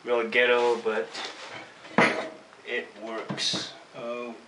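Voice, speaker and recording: Here the screen printing instructor, a man with a Filipino accent, speaks very slowly and in a monotone at medium pitch while casually walking through a hands-on tutorial. The sound is echoey and distant, with faint noise underneath.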